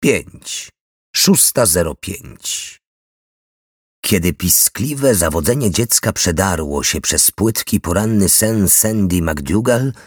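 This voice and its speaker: Deep husky guy narrating an audiobook, steady and measured, dry close sound. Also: dry recording. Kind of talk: scripted narration.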